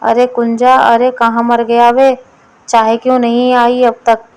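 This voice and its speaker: Woman doing a greedy fat storybook man, scolding, slow, even-toned. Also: on the high side, smooth, rough recording. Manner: grumbling, scolding. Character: lazy gluttonous fat man, bossy.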